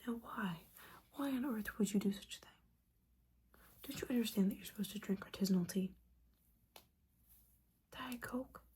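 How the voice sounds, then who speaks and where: This ASMR roleplay features a woman as a witch mentor who's judgmental and disappointed yet caring, scolding softly in whispers with sassy, casual asides. She speaks at medium pitch and normal speed with a breathy edge, pausing often.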